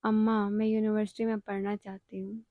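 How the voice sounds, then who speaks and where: A woman's voice: mid-range voice, flat delivery, no room sound, narrow, tinny audio, close to an everyday voice. Woman reading a pleading young daughter. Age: young adult.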